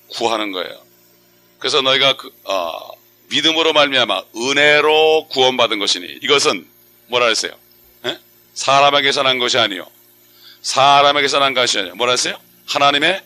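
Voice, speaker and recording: A man's voice: sits high, pushed and bright. A man preaching a sermon in a conversational style, often asking his listeners rhetorical questions. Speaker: pastor.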